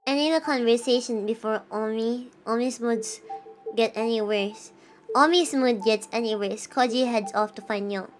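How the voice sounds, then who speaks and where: On a relaxed livestream, a VTuber with a fairly high voice reads a dark visual novel aloud at normal speed. She moves between steady narration and chatty, giggly asides, with soft game music underneath.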